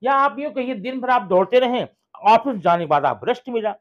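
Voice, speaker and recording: An English grammar teacher, giving a video lesson who repeats examples slowly and asks and answers their own questions. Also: medium pitch, animated. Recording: dull lo-fi recording.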